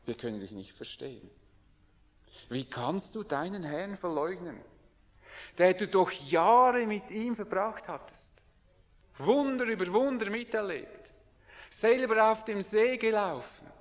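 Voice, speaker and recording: A man preaching a sermon in an earnest manner, sometimes dropping to a hushed voice. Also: high-pitched, long reverb tail.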